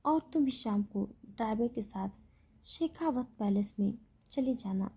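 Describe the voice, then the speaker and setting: Woman doing a soft young guy in love, coaxing, breathy husky voice. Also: on the high side, animated, a little slow, dull audio, heavily acted. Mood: tender. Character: young man, tender protective lover.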